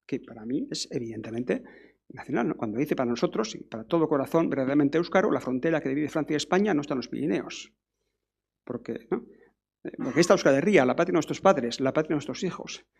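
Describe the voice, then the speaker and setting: A man's voice: on the high side, gravelly, a little mellow, husky. A middle-aged man giving a conference lecture, talking in a discursive way with frequent restarts and tag questions. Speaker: academic speaker.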